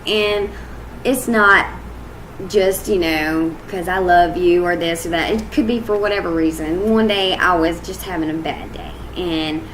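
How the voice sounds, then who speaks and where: A woman's voice: lowish voice, a little hiss or hum, rough recording. Chatty giggling woman vlogger. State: hiccups. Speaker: vlog co-host. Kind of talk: casual couple vlog chat.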